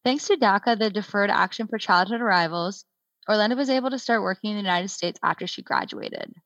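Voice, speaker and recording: A woman's voice: medium pitch, brisk, a bit bright, no room sound, dull audio. Upbeat woman podcast host, dry sound. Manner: upbeat, welcoming. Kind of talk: scripted podcast intro and interview. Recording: dry close recording with faint music.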